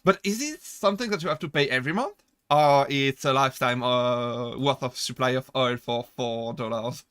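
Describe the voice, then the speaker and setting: A man's voice: medium pitch, moderate pace, fairly bright tone, smooth, no echo. A man streaming as a VTuber, chatting casually, rambling, correcting himself and laughing often as he answers chat.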